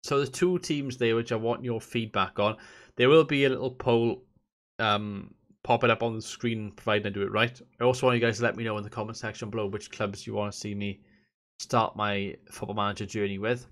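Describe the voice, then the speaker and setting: A man's voice: on the low side, steady tone, fairly quick. A man from south Wales with a Valleys accent, giving casual, chatty commentary as host of a gaming vlog. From Merthyr Tydfil, south Wales. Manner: informal, chatty explaining.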